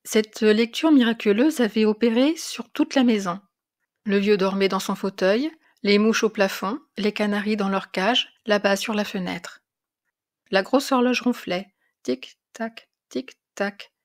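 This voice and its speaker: A woman reads a classic tale aloud with measured, expressive phrasing. Her voice sits at an average pitch, and she tells the story steadily in a scripted narration. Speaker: reader of literary classics.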